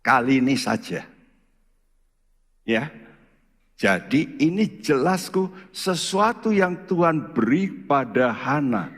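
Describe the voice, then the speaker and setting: A man preaching a sermon as pastor, asking the congregation rhetorical questions and jumping suddenly in pitch. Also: animated, slow, pauses often. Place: church hall. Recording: church hall reverb.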